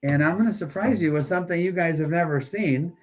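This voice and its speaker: A man's voice: on the high side, quick pace, a little mellow. A man hosting a live coin auction, chatting and joking while he counts down bids. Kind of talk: casual live-stream auction chat.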